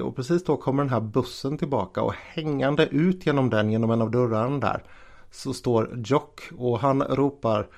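Guy retelling a story in a relaxed chatty way, a lot of vocal fry. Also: mid-range voice. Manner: conversational, with fillers and restarts. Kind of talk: casual storytelling narration.

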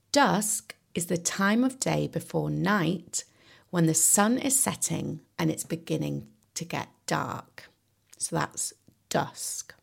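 A woman hosting an English-learning podcast, explaining and interviewing in a clear, teacher-like way. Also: fairly low pitch. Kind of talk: scripted lesson narration and interviewing.

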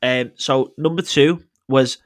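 A man's voice: mid-range voice, takes it slowly. A man hosting a casual football podcast, chatty and laughing often as he quizzes his co-host.

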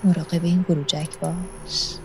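A woman's voice: fairly low pitch, level tone, darkish tone, slight background noise, lightly acted. A woman playing a teasing, playfully cruel female captor in a horror audio drama. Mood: sly.

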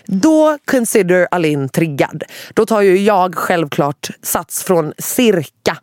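A young woman with a lowish voice tells a wild story in casual podcast conversation, recorded in studio quality with no room sound. She's animated, swears a lot, and often slips English phrases into her speech.

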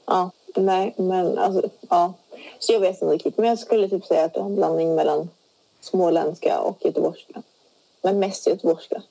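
A young woman with a Scanian accent co-hosts a laid-back podcast, teasing her friend as they talk. Her voice is mellow and slightly husky. The recording is dry and close. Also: lowish voice, steady tone, dry recording, low-quality recording. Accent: Scanian Swedish. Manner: teasing, quick to poke fun. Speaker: podcast co-host. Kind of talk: casual chat.

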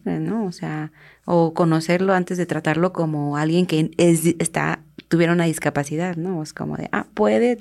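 Woman, 30s, relaxed podcast co-host, slightly low voice. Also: creaky. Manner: relaxed, talks with many fillers. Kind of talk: casual podcast chat.

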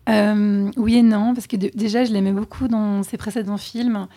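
A woman chatting candidly as a podcast co-host being interviewed, often pausing with hesitations. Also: mid-range voice, fairly even intonation, dark tone. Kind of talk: casual interview answers.

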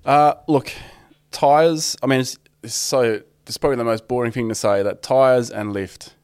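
A man's voice: mid-range voice, fairly even intonation, moderate pace, darkish tone, clear, resonant tone, no echo, studio quality. An Australian man talking as a podcast guest in an informal, matey, conversational way. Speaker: podcast guest with own four-wheel drive channel. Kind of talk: casual chat.

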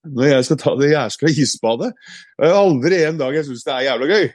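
A man's voice: mid-range voice, a little mellow, breathy edge, dry recording, studio quality. A man co-hosting a podcast, telling a personal story with energy and acting out the voices in his head. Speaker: podcast co-host. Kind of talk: casual podcast chat.

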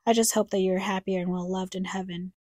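Young woman narrator for a grief podcast: mellow, dry close voice, reflective and somber. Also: mid-range voice, steady tone, a little fast, dry recording. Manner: somber, reflective, addressing her late mother. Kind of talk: scripted personal narration.

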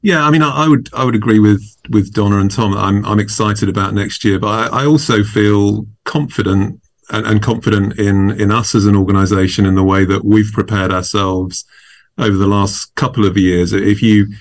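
Male CEO guest, low voice, measured with repeated restarts. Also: steady tone. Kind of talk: podcast panel discussion.

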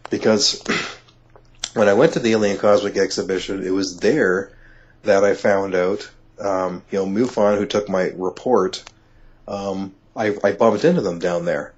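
A man with a low, husky voice tells a personal story in conversation. He stumbles, restarts and fills gaps with "you know", and his voice climbs when something amazes him. The audio is dull and lo-fi. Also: a little slow. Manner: excitable, rising when amazed. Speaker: interview guest.

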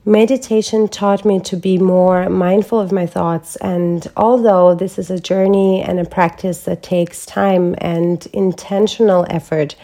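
A woman hosting a wellness podcast, speaking as a holistic health coach in a calm, measured, reflective way from a prepared script. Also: fairly low pitch, gravelly. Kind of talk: scripted solo podcast talk.

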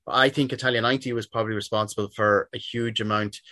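This middle-aged football jersey collector from Sligo, in the west of Ireland, speaks with a west of Ireland accent as an interview guest. His voice is fairly low, fast, bright and forceful, with fairly even intonation, captured in clean studio sound with no echo. He chats casually, often circling back and restarting phrases.

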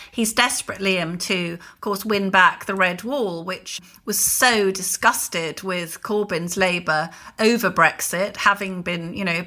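Bright, indignant woman co-host. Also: mid-range voice. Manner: indignant and emphatic. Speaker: podcast co-host, columnist. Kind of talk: opinionated political chat.

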